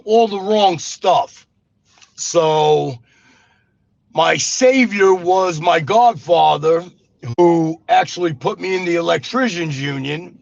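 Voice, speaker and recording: As an interview guest, a Brooklyn man in his 50s who used to be a gangster tells his life story in casual street talk, throwing in "brother" and "you know what I mean." His gravelly voice sits high, and the dull lo-fi recording is dry with no echo.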